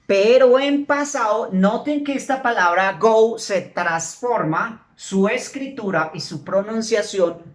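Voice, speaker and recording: A woman teaching English grammar, slowly repeating English words for her students to drill. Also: mid-range voice. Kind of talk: classroom grammar lesson.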